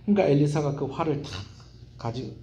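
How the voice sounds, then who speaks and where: A male pastor preaching a Wednesday evening sermon, lively and often asking the congregation questions. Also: fairly high pitch, fast talker, dull audio, slight background noise. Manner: animated, asks the congregation questions. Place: church sanctuary. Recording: roomy church hall echo.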